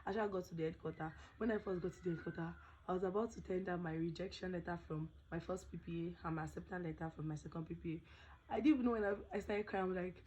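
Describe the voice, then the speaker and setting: A woman's voice: fairly low pitch, quick pace, a little mellow, slight background noise, poor audio. A young Nigerian woman vlogging casually, chatting with pidgin phrases, her voice not fully recovered. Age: young adult. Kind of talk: casual storytelling vlog.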